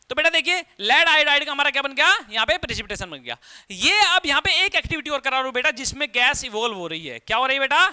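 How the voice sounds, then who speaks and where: A man's voice: very high-pitched, sharp tone, clean tone. A man teaching a chemistry lesson, who keeps asking his students questions, answers them himself, and addresses them as "beta". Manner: calls the listener "beta" as a teacher does. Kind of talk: classroom lesson explaining lab activities.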